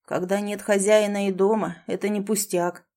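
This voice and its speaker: A woman's voice: medium pitch, steady tone, normal speed, mellow, close to an everyday voice. A woman voicing a grumbling, gallant homeless male dog in a storybook reading.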